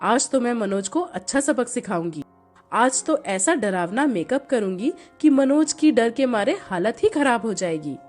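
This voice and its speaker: A woman's voice: on the high side, expressive, measured pace, darkish tone, soft background music, voice pushed down. A woman voicing a young, carefree bride who boasts about her style, in a storybook narration. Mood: breezy. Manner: boastful, breezy.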